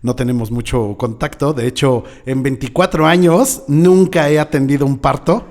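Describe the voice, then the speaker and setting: A man in his forties with a Mexican accent, a paramedic guest telling a story in a relaxed interview. He is reflective, often adds a questioning tag, and acts out the voices of people he quotes. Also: mid-range voice, normal speed.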